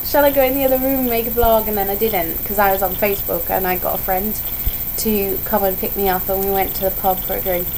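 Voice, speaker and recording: A young woman talks casually to her vlog viewers while feeling sick, her voice strained and close to giving out. She drifts between tangents in a chatty way, at an average pitch for a woman. The homemade recording has clearly audible noise behind her. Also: fairly even intonation, fast talker. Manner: digressive, chatty, self-interrupting. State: ill, voice strained and starting to go. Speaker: vlogger. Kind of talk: casual rambling vlog chat. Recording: noisy home vlog recording.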